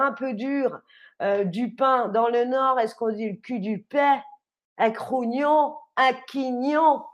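A woman with a high, bright-pitched voice hosts a live stream and chats with her viewers. She quizzes them, laughs often, and leans on key words by stretching them out.

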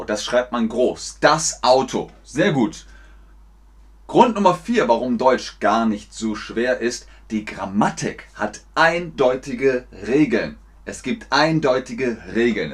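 A man teaching German pronunciation and grammar, slowly repeating words and sentences for learners to copy. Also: medium pitch. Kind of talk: slow, clear language lesson.

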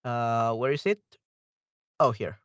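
Taking it slowly, a man with a medium-pitched, fairly bright and clean voice hosts a livestream with no room sound. Sitting close to the microphone, he chats casually and hesitantly about troubleshooting audio, thinking aloud along the way.

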